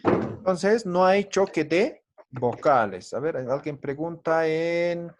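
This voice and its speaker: A man teaches an online class over a video call, slow and deliberate, his voice a touch higher than most men's. He is patient and keeps checking that everyone follows with short tag questions. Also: animated, a little hiss or hum. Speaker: language teacher.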